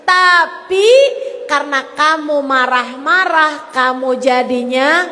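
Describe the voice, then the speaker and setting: A woman's voice: high voice, slow, bright, forceful tone, a little hiss or hum. A woman preacher giving a sermon, speaking straight to her listeners in a lilting, sing-song cadence. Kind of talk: sermon to a women's audience. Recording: long hall reverb.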